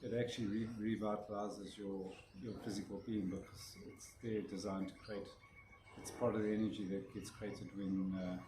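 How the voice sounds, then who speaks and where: In a roomy, echoing recording with faint noise, a man with a lowish voice walks through a breathing exercise at normal speed and a level tone. This breathwork teacher is casual and rambling, frequently restarting sentences and yawning.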